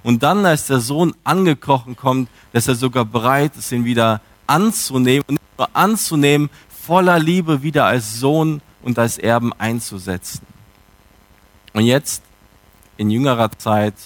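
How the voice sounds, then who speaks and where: A man's voice: mid-range voice, animated, measured pace, dry recording. A man preaching a sermon in a reflective, questioning way, with emphatic turns.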